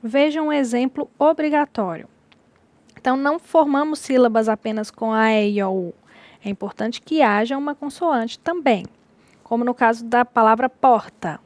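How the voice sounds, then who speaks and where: A woman teacher giving a recorded distance-learning lecture, explaining slowly and repeating key words. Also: a little high, dry recording.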